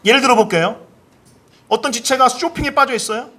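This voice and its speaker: A male pastor preaching a sermon in a church service. He is animated, acts out inner voices with big swings in pitch, and has the congregation repeat key phrases after him. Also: brisk.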